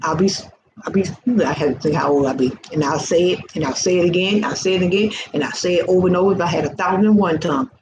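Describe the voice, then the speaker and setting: Talking fast in a lowish voice, a faith vlogger in her early sixties exhorts listeners with fervent, repetitive, preacher-like encouragement in an informal setting. The audio is dull, and a noisy hiss runs behind her.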